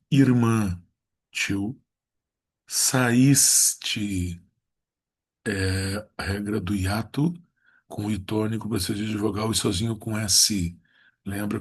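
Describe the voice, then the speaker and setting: Husky-voiced male teacher. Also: fairly low pitch. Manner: stretches out the example words, then states the rule flatly. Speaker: Portuguese teacher. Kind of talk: recorded grammar lesson.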